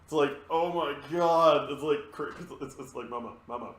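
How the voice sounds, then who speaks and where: Young guy player, jokey and excited, stumbles over words, echoey room. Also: on the high side, normal speed. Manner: excitable, joking, restarts often. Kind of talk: casual tabletop game chat.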